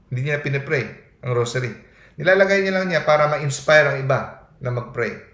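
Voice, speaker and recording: A man's voice: mid-range voice, a little fast, a bit bright. A man giving an earnest sermon in mixed Tagalog and English, often tagging his points with a questioning "no?". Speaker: preacher. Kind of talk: Taglish sermon. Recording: echoey room.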